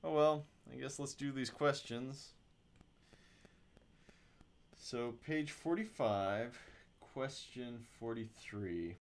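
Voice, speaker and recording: A man teaching physics on a casual livestream, chatting and muttering to himself about a slow stream while he works through homework questions. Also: medium pitch, vocal fry. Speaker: physics instructor.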